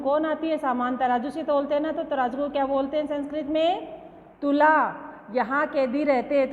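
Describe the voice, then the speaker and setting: A woman school teacher giving a class lesson, patiently asking questions and then answering them herself. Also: high voice. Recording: dull lo-fi with long reverb.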